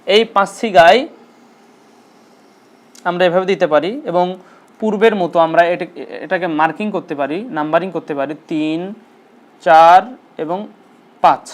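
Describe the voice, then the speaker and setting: A man's voice: a little high, steady tone, normal speed, pauses often. A man teaching an Arabic grammar lesson, patiently repeating terms and asking and answering his own questions.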